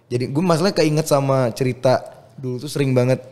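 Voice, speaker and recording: A man's voice: medium pitch, quick pace, a little mellow. A middle-aged man, an actor, talks as a podcast guest in casual, slangy storytelling with English phrases mixed in.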